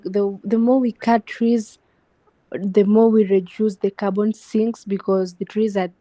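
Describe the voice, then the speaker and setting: A woman from Tanzania speaks slowly and earnestly on a discussion panel. Her voice is mellow, and the recording is dry and close. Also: medium pitch, no room sound, rough recording.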